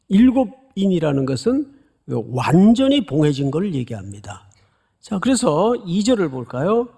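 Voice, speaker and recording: A middle-aged man preaches to his congregation in a high, rough, gravelly voice. His pitch leaps and falls with dramatic emphasis, and he keeps asking his listeners questions. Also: very animated, unhurried. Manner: dramatic preaching, voices the angel's loud cry; addresses congregation directly with questions. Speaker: pastor. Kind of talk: expository sermon.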